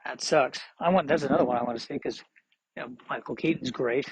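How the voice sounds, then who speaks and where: A man's voice: medium pitch, fast, breathy edge, dry recording, rough recording. A man in his forties hosting a solo podcast, chatting casually in a rambling, self-deprecating way. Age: 40s. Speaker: podcast host.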